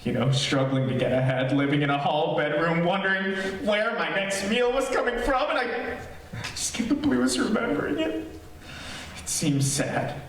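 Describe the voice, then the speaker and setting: In a theatrical old-time radio drama, a man plays a lonely, unhinged character addressing listeners, rambling haltingly and repeating himself as he slides from wistful to hysterical. His voice is high-pitched and animated. The distant mic on a very echoey stage picks up faint noise.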